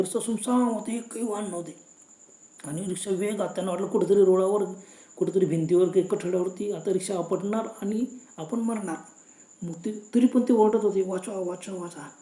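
A woman's voice: medium pitch, warm tone, reverberant. A woman narrating a horror story in a dramatic storytelling manner.

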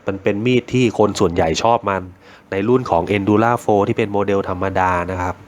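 Joking, rambling Thai-style shop talk from a lower-voiced man. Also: a little fast, a little hiss or hum. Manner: joking, rambling, swears freely, acts out little dialogues. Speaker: knife shop owner reviewing knives. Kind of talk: casual product chat.

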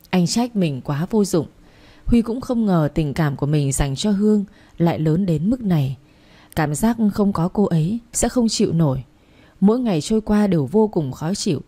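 Low, dark, husky woman narrating a story. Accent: Vietnamese. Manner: soft, unhurried storytelling, voicing every character herself.

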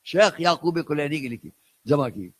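A man's voice: on the high side, animated, normal speed. An older man from India, a Shia cleric and scholar, tells anecdotes in a religious lecture and repeats phrases for emphasis.

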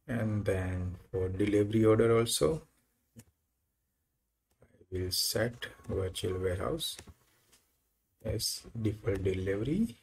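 A man giving an unhurried screen-recorded software walkthrough, thinking aloud with frequent fillers. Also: lowish voice, vocal fry, husky. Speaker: software tutorial presenter.

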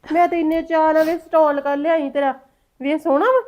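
Actress doing a middle-aged mother-in-law, high voice, coaxing and nagging. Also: fairly even intonation, a little fast, muffled recording, lightly acted. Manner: coaxing, prying, scolding. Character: fussing, caring mother-in-law. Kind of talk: family drama acting.

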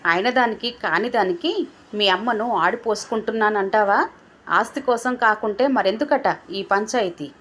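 A woman voicing a suspicious, sharp-tongued old father who taunts his family, in a storybook reading. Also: mid-range voice, moderate pace, close to an everyday voice. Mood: bitter taunting. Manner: scolding, taunting.

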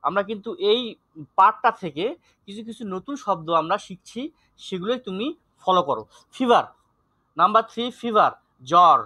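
A high, bright male voice teaches an English class over a video call. He moves between Bengali and English, reading English sentences slowly and clearly for students to copy. The sound is dry and close. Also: expressive, dry recording. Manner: mixes Bengali and English, slow drilled English reading. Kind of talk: online class lesson.

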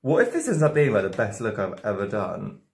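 This wine-drunk makeup creator, a man in his twenties, chats loosely to camera through a tutorial, wandering off topic, doubting himself and losing track. His voice sits lowish, swings widely in pitch and moves briskly. The roomy home studio has a dark backdrop and gives the audio an echoing quality.

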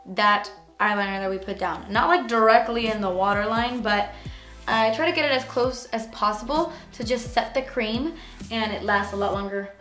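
Woman, raspy voice, chatty vlogger, lots of fillers, bright edgy tone, echoey room. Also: fairly high pitch. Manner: chatty, filler-heavy, frequent "like". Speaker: beauty vlogger. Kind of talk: casual talk-through makeup tutorial.

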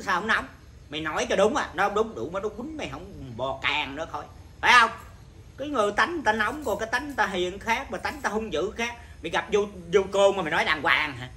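A Buddhist monk teacher giving an informal dharma talk, blunt and scolding, with a naturally loud voice. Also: male voice, high voice, a little hiss or hum.

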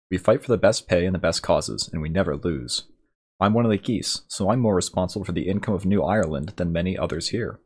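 A man's voice: sits low, husky. A man voicing a jolly, boastful male space mercenary as he reads the game's story text aloud, hearty and proud.

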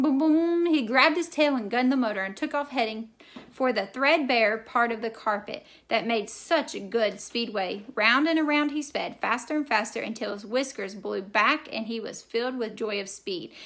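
A woman's voice: on the high side, a bit bright. Woman reading a children's book aloud. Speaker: teacher.

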